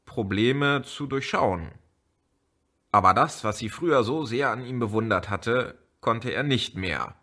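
A man narrating an audiobook chapter in a measured storytelling manner. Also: on the low side, bright, forceful tone. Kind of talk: scripted narration.

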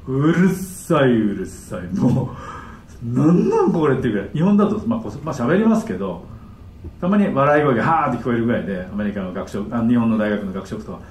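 A man giving a live seminar as a counselor, animated and demonstrative, chatting with his audience. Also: on the low side, slight background noise. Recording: echoey hall, distant mic.

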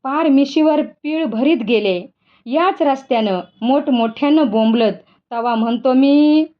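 A woman's voice: high-pitched, unhurried. A woman voicing a blunt, gossipy village farmer in rustic speech, in a dull lo-fi recording.

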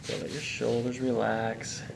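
Very creaky, soothing man, soft-spoken ASMR chiropractor. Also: medium pitch, unhurried. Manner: calm, soothing coaching of breathing and relaxation. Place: small office treatment room, indoors. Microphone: microphone on boom arm near treatment table. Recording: clear background hiss, room noise.

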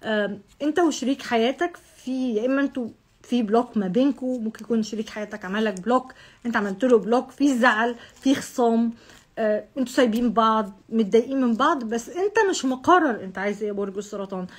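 An astrologer with an Egyptian Arabic accent gives a casual monthly horoscope reading, speaking directly to the viewer, repeating herself and slipping in English phrases. Her voice is fairly high and her pace quick.

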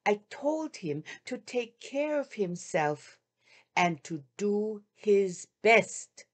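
An older woman on a video call, reading a first-person wartime memoir aloud in a measured, heartfelt way with long pauses. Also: medium pitch, big pitch swings. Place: home room with shoji screens. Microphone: video call webcam.

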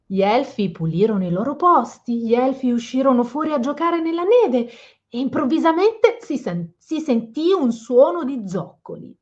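A woman reading a children's picture book aloud and gently explaining the story to children. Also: sits high, lively intonation, moderate pace. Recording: slightly dull lo-fi sound.

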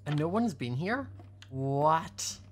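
Faint music sits under this young woman's casual, playful commentary as she hosts a gaming video and thinks aloud. She speaks slowly in a low-pitched voice with lively intonation.

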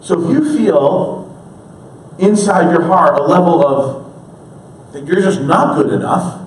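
A man in his thirties preaching a sermon in an earnest way, moving between hushed, slow lines and emphatic ones. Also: fairly high pitch, animated, a little hiss or hum. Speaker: pastor. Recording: roomy, distant church recording.

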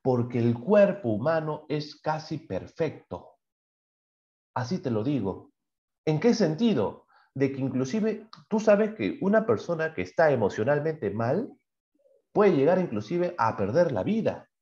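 A lively man from Peru, a primary school science teacher, gives an online class lecture in a fairly high, slightly slow voice. He poses questions and answers them himself, acting out short quoted voices in his examples. His computer mic on the video call yields dull, lo-fi audio.

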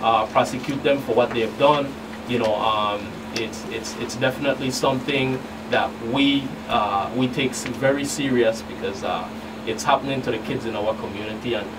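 A middle-aged man from the U.S. Virgin Islands appears as a law enforcement guest on a talk show interview, his mid-range voice halting, deliberate and hesitant in phrasing. He's in a small radio studio with boom mics visible, but the recording is distant and carries a clearly noisy room hum.

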